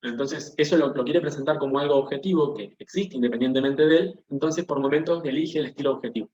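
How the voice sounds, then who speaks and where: Teacher in an echoey online class. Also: male voice, mid-range voice, fast, darkish tone, a little hiss or hum. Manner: explanatory, often checks in with the class. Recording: echoey, dull lo-fi video-call audio.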